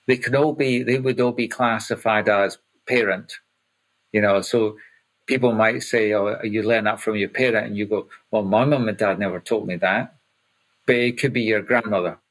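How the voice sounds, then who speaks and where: Scottish man in his fifties, low voice. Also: steady tone, low-quality recording. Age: 50s. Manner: halting, repeats words while explaining. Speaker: coach, podcast co-host. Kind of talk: casual conversational podcast chat.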